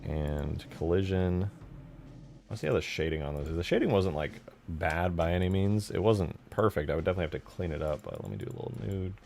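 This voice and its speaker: A man with a deep, gravelly, darkish voice talks a little fast as he builds video game mods on a livestream, with slight background noise. He keeps it relaxed, slangy and sweary.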